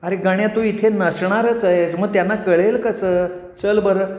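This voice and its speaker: A man's voice: steady tone, measured pace, a little mellow, roomy sound. A man voicing a seductive celestial nymph woman, speaking sweetly and coaxingly in a storytelling performance. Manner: sweet, coaxing, falsetto-ish.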